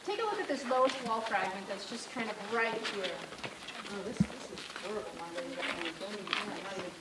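A woman acting as a ranger guide, talking a tour group through ruins in an animated, engaging way. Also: medium pitch, fast. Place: outdoors at cliff dwellings. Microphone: distant camera in the crowd. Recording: distant echoey outdoor sound, loud noise.

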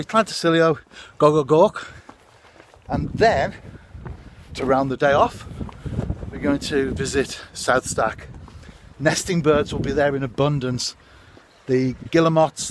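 With his phone stretched out at arm's length, a man in his fifties films his fishing day from the rocks by the sea and talks it through casually for his viewers. The voice is a little high, and noise fills the background.

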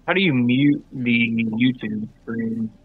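A man talking as a friend over voice chat during a game stream, blunt and loud, swearing freely. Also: medium pitch, fairly even intonation, slow pace, slightly rough, phone-quality sound. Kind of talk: casual gaming banter.

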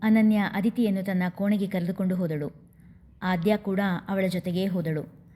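A woman host narrating a serialized story in a gentle, even manner. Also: medium pitch, normal speed.

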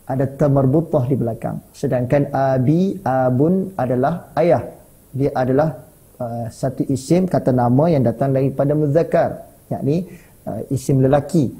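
A man with a Malaysian Malay accent teaching a religious lecture, animated, slowing to stress Arabic words and putting questions to the audience. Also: medium pitch, breathy edge, rough recording. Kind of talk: sermon lecture.

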